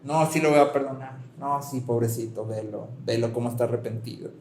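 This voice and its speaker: A man voicing an indulgent, soft-hearted God in a quiet, pitying, mocking tone during a sermon. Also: medium pitch, brisk, a little hiss or hum, lightly acted. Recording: roomy hall with faint ambience.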